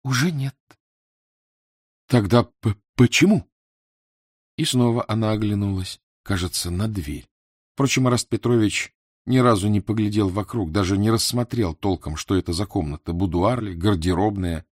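A man narrating a literary novel in a measured, expressive way. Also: on the low side, no room sound, studio quality. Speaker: audiobook narrator.

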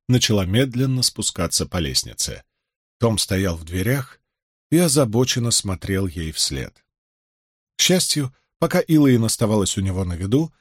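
A man narrating an audiobook in an expressive storytelling manner. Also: medium pitch, husky, no room sound, clean studio sound. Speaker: audiobook reader.

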